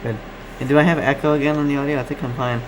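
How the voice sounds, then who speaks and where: Racing through his words, a man from Canada chats with viewers on his live stream, distractedly rambling as he handles their comments. His medium-pitched voice keeps fairly even intonation over a noisy background, and he's a radio hobbyist.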